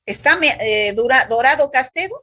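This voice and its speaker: A woman's voice: high-pitched, lively intonation, moderate pace, sharp tone, breathy edge, dry recording. A woman teaching a university microbiology class over a video call, quizzing students by roll call in a stern, scolding way.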